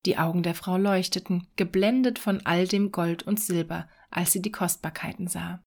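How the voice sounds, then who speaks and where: A woman's voice: on the low side, steady tone, normal speed, a little mellow. Woman reading a fairy tale. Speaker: storyteller.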